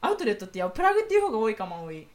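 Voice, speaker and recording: A woman co-hosting a podcast in casual chat, chatty and quick to laugh. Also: fairly high pitch, very animated. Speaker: podcast co-host.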